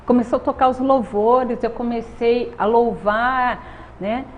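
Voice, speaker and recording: As an interview guest, a Brazilian woman in her thirties shares a sincere faith testimony, frequently ending phrases with "né?". She speaks unhurriedly in a slightly high, steady tone. Faint noise runs under the dull, lo-fi audio.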